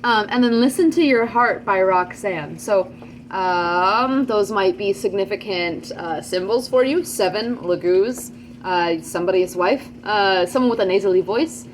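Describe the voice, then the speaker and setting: A woman's voice: medium pitch, measured pace, a little hiss or hum. A woman giving a casual channeled tarot reading to camera, chatty, with many fillers and frequent check-ins with her listeners. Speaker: tarot reader.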